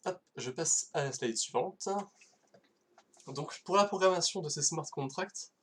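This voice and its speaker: A man's voice: fairly high pitch, measured pace, a bit bright, slightly rough. Hesitant man giving a live tech talk. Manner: hesitant, many fillers and restarts; casual, self-deprecating. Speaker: conference speaker. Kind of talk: live-streamed technical talk.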